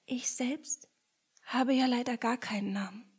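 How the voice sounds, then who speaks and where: A woman voicing a timid female rat who talks softly and wistfully. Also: high voice, steady tone, unhurried, slightly rough. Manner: soft, sighing, wistful.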